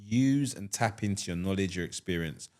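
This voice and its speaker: A man's voice: deep voice, moderate pace. A man, hosting a casual podcast interview, asking questions and reacting with laughs. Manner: animated, laughs, sometimes shouts in excitement. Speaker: podcast host.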